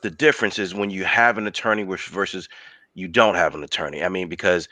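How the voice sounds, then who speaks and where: A man hosting a panel discussion, warmly encouraging his guests and putting questions to them. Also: low-pitched, fairly even intonation, brisk, no room sound. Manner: encouraging, calls guests brother. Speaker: host. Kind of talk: panel moderation.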